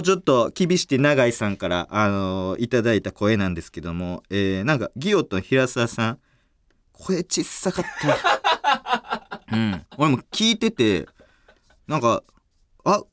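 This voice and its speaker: A man's voice: mid-range voice, animated, fairly bright tone, smooth, no room sound. A young man with a Kansai accent hosting a podcast, chatting casually and laughing often. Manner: chatty, quick to laugh, jokey. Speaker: podcast host. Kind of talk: casual chat.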